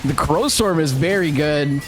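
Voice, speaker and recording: A man calling esports play-by-play in a steady running flow, dropping the odd "uh" as he tracks the action. Faint music sits behind his voice. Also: a little high, measured pace. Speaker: play-by-play commentator.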